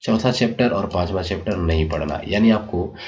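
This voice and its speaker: A low-voiced man speaks at a moderate pace, taking children through their school syllabus in an explanatory way. Warm toward his students, he keeps repeating "ठीक है" ("okay") as a check, and the audio is dull and lo-fi.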